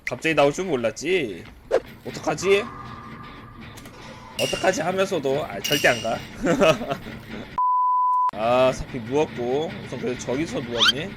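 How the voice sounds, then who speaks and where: Animated high-voiced man commentating a game. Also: a little slow, long pauses, background noise. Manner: excited, laughing, swearing at the game. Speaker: game streamer. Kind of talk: casual gameplay commentary.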